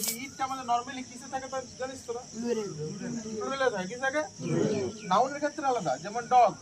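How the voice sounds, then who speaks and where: A man's voice: very high-pitched, recorded from a distance. A male English teacher giving a classroom grammar lesson, drilling students with repeated check questions and mixing English examples into casual speech. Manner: casual familiar address to students. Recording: loud background noise with insects.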